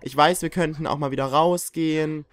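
A man giving joking, excitable gameplay commentary as a let's play YouTuber, talking straight to his viewers. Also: a little high, brisk, a little hiss or hum.

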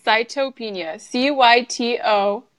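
Woman, guest on a live stream, giggly, self-deprecating, slightly high, unhurried. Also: fairly bright tone. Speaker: guest nurse. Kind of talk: casual live-stream chat.

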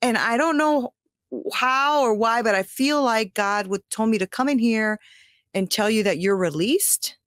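Middle-aged woman, podcast guest, lively storyteller who acts out quotes, close dry sound. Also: a little high, unhurried, no room sound. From United States. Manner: animated, acts out quoted voices, laughs often. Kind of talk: emotional personal storytelling.

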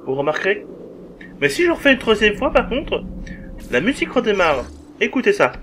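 A man's voice: sits high, very animated, fairly quick, bright, forceful tone, slight background noise. A man with a swearing, joking manner, giving a let's play commentary and talking back to the game. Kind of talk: gameplay commentary.

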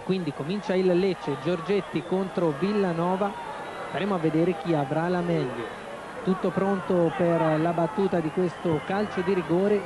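A man with a fairly high voice gives live Italian football commentary, narrating each moment and lifting into excited goal calls. Clear outdoor stadium noise sits behind him. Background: stadium ambience.

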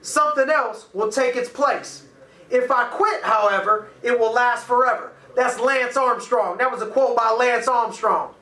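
A man in his thirties coaching to camera with a high, bright, punchy voice, driving each point home with energy. He talks in a small office that sounds echoey, his voice picked up from a few feet away. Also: a little slow, recorded from a distance. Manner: energetic, emphatic, gesturing with his hands. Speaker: motivational coach and host. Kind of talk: motivational talk to camera. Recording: echoey room, voice a little off-mic.

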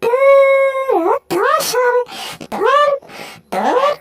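A woman voicing a squeaky, frantic little male mouse in an amateur cartoon dub, yelping and panicky. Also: lively intonation, very slow, heavily acted. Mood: panicked.

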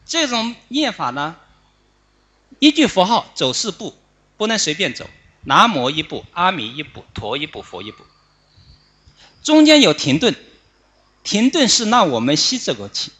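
A middle-aged man, a Buddhist monk, giving an animated dharma talk that explains how to chant, pausing often on "ah" fillers. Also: high voice, husky.

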